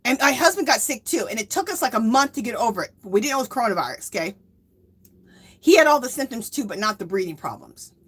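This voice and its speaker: A woman's bright, fairly high voice swings up and down as she chats on a home craft livestream. She talks straight to her viewers, reads their comments out and laughs easily. She drives her points home with a quick "okay?" and keeps a loose, gossipy flow. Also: very animated, breathy edge. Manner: emphatic, tags lines with "okay?" and "Hello?". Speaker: livestream host of a yarn crafting channel. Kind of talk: casual chat with live viewers.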